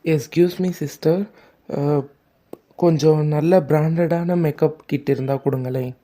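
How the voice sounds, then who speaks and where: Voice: medium pitch, steady tone, slow pace, dark tone. A voice actor playing a polite male customer in a cartoon shop. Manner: polite requests. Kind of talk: cartoon voice acting.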